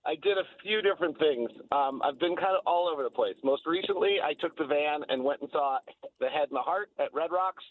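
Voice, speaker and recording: An American sports broadcaster, guesting on a radio show, chats casually in a fairly quick, higher-pitched voice. He's effusive and rambling, and the line sounds thin, almost like a phone.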